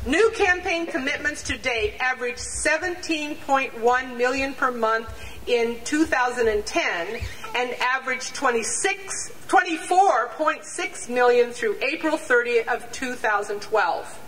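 Before a large crowd on an outdoor campus lawn, an older woman with a high, slightly bright voice reads a prepared statement to a rally. She is measured and deliberate but sometimes stumbles and restarts over numbers. A standing mic captures her from a distance, with crowd noise in the outdoor pickup.

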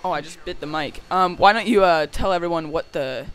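Bright high-voiced teen boy, excitable. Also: brisk. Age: teens. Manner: excitable, giggly, rambling with fillers. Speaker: channel host. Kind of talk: casual gameplay commentary. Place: home.

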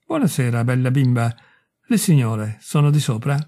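A man voicing a boisterous, crude male soldier in a read-aloud story, loud and jeering. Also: mid-range voice, animated, normal speed, lightly acted. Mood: casual.

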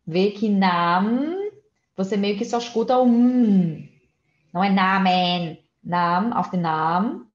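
A woman's voice: mid-range voice, expressive, unhurried, a little mellow, reverberant, dull audio. A woman teaching German in a casual online lesson, spelling out letters and explaining pronunciation step by step.

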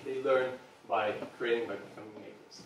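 A Serbian man in his thirties, a product designer, delivers an earnest talk to a small audience with frequent ums. His mid-range voice is steady and moderately paced, with some vocal fry. A distant camera in the meeting room records strong echo and slight background noise.

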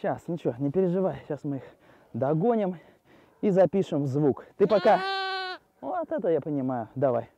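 Out on location, a twentysomething travel-show host chats away animatedly and off the cuff. His voice sits on the high side at a normal speed. The sound is lo-fi with a little hiss or hum.

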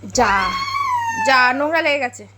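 A woman, a mother, talking to her small child in a home vlog, gently coaxing and mildly scolding. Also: high voice, a little slow, heavy background noise.

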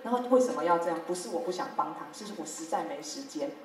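A woman's voice: low voice, fast talker. Taiwanese lady teacher telling class stories at a workshop, far from the mic, super echoey hall. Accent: Taiwanese Mandarin. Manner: lively storytelling, acting out pupils' lines with laughter. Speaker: teacher sharing classroom methods.

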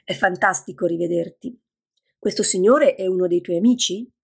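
A woman with a gravelly, husky voice voicing a friendly, amused young man in an audiobook. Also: on the low side, normal speed. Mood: cheerful. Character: cheerful young man, red-haired reader.

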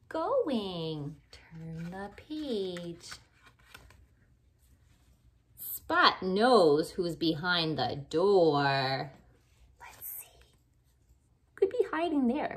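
In a living room at home, a woman reads an interactive picture book aloud to young children. Her fairly low voice is sing-song, with drawn-out words and long pauses, and she uses simple, exaggerated phrases full of questions.

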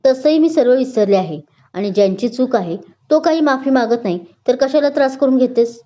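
A woman voicing Ketaki, a bubbly and excitable young college woman in a spoken story. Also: sits high, a little fast, lightly acted. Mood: lively. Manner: lively, excitable. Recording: dull lo-fi recording.

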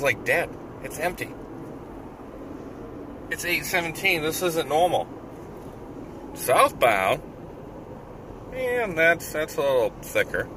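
Chatty man vlogging. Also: fairly high pitch. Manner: chatty and upbeat, talks to viewers as he goes. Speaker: vlogger and truck driver. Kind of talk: casual vlog narration to camera. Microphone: handheld camera. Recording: noisy handheld recording.

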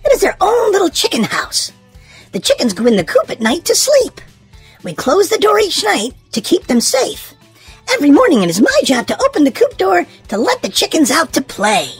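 Over faint background music, a woman whose voice sits high reads a children's story aloud at normal speed. She stays expressive and sing-song, leaning on key words for young listeners.

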